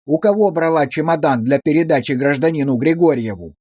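A stern village policeman, as a male narrator plays him, giving curt orders in a somewhat high man's voice. The sound is dry and close to the mic. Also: expressive, brisk, a little mellow, slightly rough, no room sound. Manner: curt, commanding. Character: stern rural police officer, gruff and dry.

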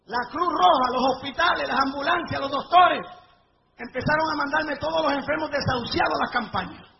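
A middle-aged male evangelist preaching a revival sermon to a live congregation, telling testimonies with fervor and breaking into shouts at the climaxes. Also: very high-pitched, fairly quick, gravelly. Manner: fervent storytelling, rising to shouts at climaxes. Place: church or revival meeting before a live congregation. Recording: dull lo-fi recording with faint noise.

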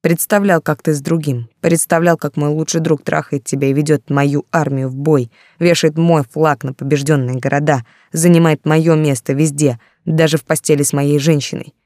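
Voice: mid-range voice, fairly even intonation, moderate pace, few pauses, darkish tone, dry recording, close to an everyday voice. A reader voicing a cruel, jealous male warlord who speaks in contemptuous threats, recorded dry and close. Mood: menacing. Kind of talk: audiobook character reading.

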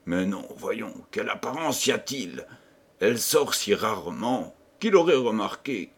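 Slow, lively male audiobook narrator. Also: husky. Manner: unhurried, expressive reading that shifts pitch for each character. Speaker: audiobook reader. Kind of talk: scripted narration with character voices.

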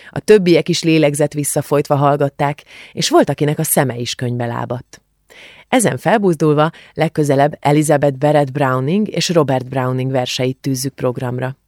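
A woman's voice: low-pitched, darkish tone, no echo, clean studio sound. Julcsi, a woman reading as an earnest teenage girl. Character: earnest teenage refugee girl, book-loving. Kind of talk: audiobook character reading.

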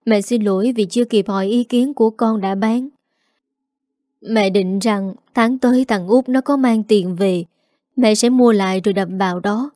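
Woman voicing a weepy ailing mother-in-law near sixty, pleading, mellow and dry, audio story. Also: mid-range voice, moderate pace, dry recording, natural voice. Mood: tearful.

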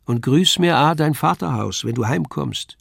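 A man voicing a gentle young woman with a southern German dialect. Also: on the high side, expressive, normal speed, creaky, breathy edge, no echo, studio quality, exaggerated voice. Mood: tender. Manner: gentle, earnest, dialect-coloured speech. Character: warm young travelling puppeteer's daughter.

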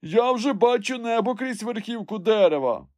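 A man voicing a stocky, simple-spoken male servant who calls down plaintively from high in a tree, in an audiobook. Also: expressive, unhurried, darkish tone, dry recording. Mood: calling down.

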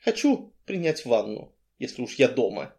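A male reader voicing a reckless, fiery young woman who shouts and demands the truth. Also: mid-range voice, sing-song, moderate pace. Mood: cool, curt.

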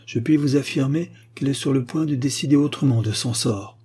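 A man voicing a stern older chief forester with a measured, reproving tone. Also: mid-range voice, a little mellow, breathy edge, pitched above the performer's own voice, lightly acted. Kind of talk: audiobook character voice.

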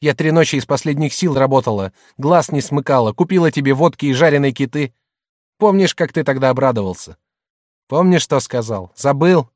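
A man reading an audiobook, voicing a middle-aged merchant's wife who mocks and shouts at her husband. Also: medium pitch, animated, a little fast, no echo, studio quality, close to an everyday voice. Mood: shouting. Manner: loud, mocking, hectoring.

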